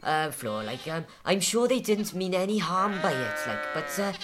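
Woman voicing a male farmhand, rambling and hesitant, lively pitch. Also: normal speed, very noisy. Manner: rambling, hesitant, full of fillers. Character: rambling male farmhand, simple and long-winded.

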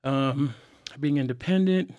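A young man sharing personal struggles in a candid, earnest way, halting often with fillers and restarts. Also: medium pitch, a little mellow, dry recording. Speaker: podcast guest.

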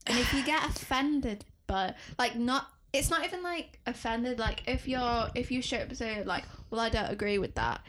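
A young woman with a Yorkshire accent, co-hosting a podcast, telling stories in an animated, sweary way. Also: on the high side, moderate pace, few pauses, noisy background. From Leeds, England. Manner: animated storytelling, swears freely. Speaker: podcast co-host. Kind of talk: casual chat.

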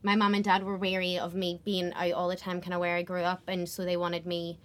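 Young woman, West Belfast accent, slightly low voice, chatty interviewee, effusive, emphatic repetition. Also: completely flat delivery, fairly quick. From West Belfast, Northern Ireland. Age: young adult. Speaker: actress being interviewed.

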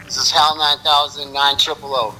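A man voicing a laid-back male cyborg rapper from the future, heard over a speakerphone, rambling through chill shout-outs. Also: on the high side, level tone, moderate pace, loud music behind the voice, rough recording. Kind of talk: comedic radio bit.

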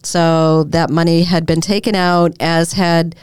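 A woman co-hosting a local news podcast, explaining stories in a relaxed conversational way and laughing easily. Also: fairly low pitch, measured pace, clean tone, no room sound, clean studio sound. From Boston area. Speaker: reporter and co-host. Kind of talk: casual news chat.

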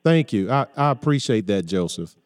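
A man's voice: lowish voice, lively intonation, normal speed, no echo, clean studio sound. A man in his sixties hosting a call-in talk radio show, folksy and preachy, often restarting his sentences. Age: 60s.

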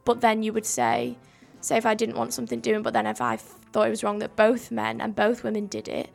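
A woman's voice: fairly high pitch, very animated, fairly quick, gravelly, faint music behind. A young woman co-hosting a homemade radio show, speaking earnestly in long run-on sentences. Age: young adult. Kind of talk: casual discussion.

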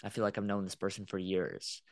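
A man hosting a podcast interview, speaking in a measured, reflective way. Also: low voice, steady tone, creaky, no echo. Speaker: podcast host. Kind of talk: casual interview talk.

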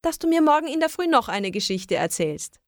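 An eager little child at bedtime, as a woman reads the part, bright in tone and lilting up and down. The recording is close and dry. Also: sits high, sing-song, brisk, dry recording, pitched above the performer's own voice.

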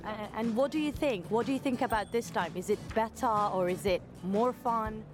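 A woman's voice: on the high side, normal speed, over music. A woman working as a roving reporter, interviewing visitors at a book fair in an upbeat, chatty way, laughing easily. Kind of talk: vox-pop interviews.

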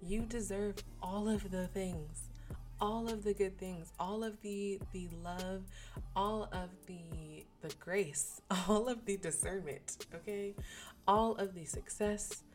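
A woman's voice: medium pitch, fairly even intonation, slow, faint music behind. A woman hosting her own podcast, talking earnestly and casually with slang and frequent restarts. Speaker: podcast host. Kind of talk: candid solo podcast talk.

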